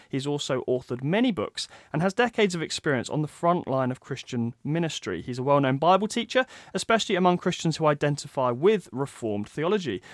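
A man's voice: on the high side, no room sound, studio quality. Upbeat man hosting a radio interview. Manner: upbeat, conversational questioning. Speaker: radio host and magazine editor.

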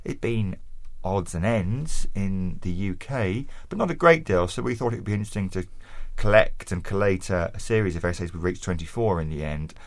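Southern English male interview guest: very low pitch, considered and erudite delivery, dry close sound. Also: expressive, normal speed, no echo. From Essex, England. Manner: articulate, considered, erudite phrasing. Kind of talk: conversational interview answers.

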